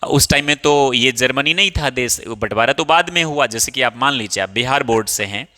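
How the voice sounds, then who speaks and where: A man's voice: mid-range voice, brisk, pushed and bright. Indian male teacher in a reverberant room. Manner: calls students "babu", asks and answers his own questions. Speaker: English teacher. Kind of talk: explaining a textbook chapter in Hindi with English phrases.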